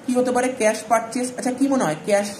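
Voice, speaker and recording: A man's voice: very high voice, steady tone, fast talker, a little mellow. A man teaching accounting in an informal lecture, talking straight to his students and checking often that they follow. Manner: informal, addresses students directly with frequent "all right?" checks. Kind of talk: classroom-style lecture. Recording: echoey room with faint ambient noise.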